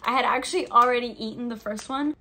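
A woman's voice: on the high side, fast, pushed and bright, slight background noise. A young woman vlogger reviewing snacks in casual, bubbly chat, full of "like" fillers. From Albanian heritage. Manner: bubbly, chatty, filler-heavy with lots of "like".

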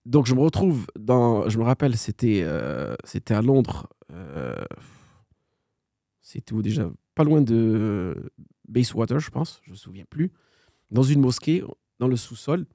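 A podcast guest in his thirties recounts a personal story in relaxed conversation, his medium-pitched voice moving at a moderate pace. He's a lively storyteller who performs the quoted lines and mixes in Arabic phrases, all in clean studio audio with no room sound.

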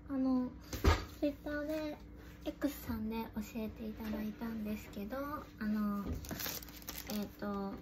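A young woman with a cute, girlish anime-style voice, chatting casually to camera as she hosts an unboxing vlog. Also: on the high side. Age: young adult. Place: room at home. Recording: noisy room, rustling and clicks.

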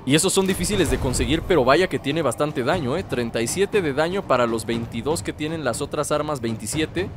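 A man giving playful, excitable commentary on his own gameplay, full of jokey asides. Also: fairly high pitch, fairly quick, few pauses, music in the background. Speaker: gaming YouTuber.

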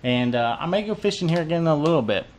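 Talking fast with lively intonation in a high-leaning voice, a thirty-something fishing vlogger chats through a tackle unboxing. He rambles, repeats himself and fills gaps with fillers, filmed on a desk camera in a cluttered tackle room.

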